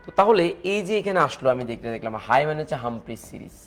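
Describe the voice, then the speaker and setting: A man's voice: mid-range voice, big pitch swings, faint music behind. A man with a Bangladeshi accent teaching a chemistry lecture, repeating key points and mixing in English phrases. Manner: fast, repetitive teaching talk with English mixed in.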